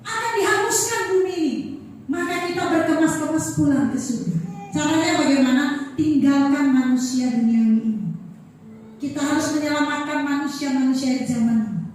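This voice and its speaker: In an echoey church hall, captured from a distance, a middle-aged pastor from Manado, Indonesia, delivers a lively sermon. She weaves in personal stories and keeps speaking directly to the congregation. Her voice sits high at a moderate pace, with a little hiss or hum in the audio.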